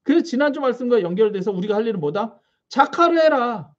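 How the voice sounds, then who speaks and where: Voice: mid-range voice, lively intonation, rapid-fire, a little mellow. A pastor preaching a sermon in a small church, talking conversationally and putting questions to the congregation. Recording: dull lo-fi recording.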